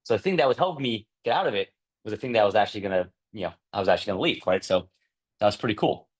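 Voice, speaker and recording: A man in his thirties presenting a workshop in a casual, chatty way, often tagging "right?" and acting out past conversations. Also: rapid-fire. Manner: acts out past dialogue with lively jumps in pitch.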